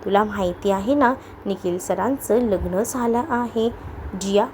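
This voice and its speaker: A woman's voice: mid-range voice, a little slow, darkish tone, slight background noise, natural voice. Woman doing a spiteful, taunting office coworker. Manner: taunting, snide.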